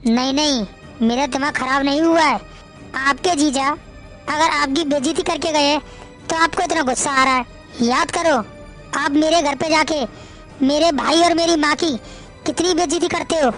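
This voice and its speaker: A woman's voice: sits high, steady tone, normal speed, fairly bright tone, soft background music. A woman playing a firm young wife. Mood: earnest. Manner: earnest, lecturing.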